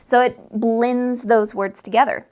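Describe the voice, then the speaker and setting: A woman hosting a casual how-to video on tabletop games, chatty and animated. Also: unhurried. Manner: chatty, animated, demonstrates voices by shifting pace and pitch. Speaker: tabletop game advice host.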